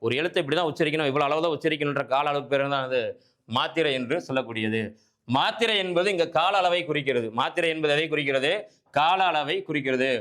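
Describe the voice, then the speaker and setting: Speaking fast in a fairly high, slightly bright voice, a man runs through exam-prep grammar, asking his own questions and supplying the answers. He goes over key points repeatedly and keeps making sure his audience is keeping up.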